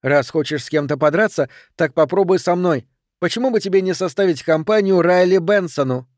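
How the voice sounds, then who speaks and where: A man's voice: fairly high pitch, lively intonation, moderate pace, darkish tone, dry recording, lightly acted. A fed-up young woman with a biting, sarcastic edge, as a male audiobook reader puts her on. Her voice sits raised and dry, with a clipped storybook delivery. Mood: mocking.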